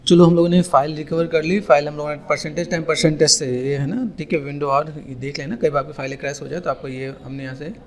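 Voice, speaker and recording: Gravelly, higher-voiced man teaching software. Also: fairly even intonation, fast, hardly any pauses. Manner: repetitive, keeps saying "here" and "okay". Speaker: software tutorial instructor. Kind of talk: casual screen-recorded tutorial.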